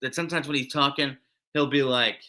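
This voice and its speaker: A man's voice: mid-range voice, fairly even intonation, a little fast, bright, forceful tone. A man co-hosting a wrestling recap show, chatting casually and rambling with many fillers and restarts. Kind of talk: casual podcast chat.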